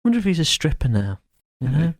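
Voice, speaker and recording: A man's voice: fairly high pitch, sing-song, fast. A British man co-hosting a comedy podcast in an informal, joking, chatty way. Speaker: podcast co-host. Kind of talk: casual comic podcast chat.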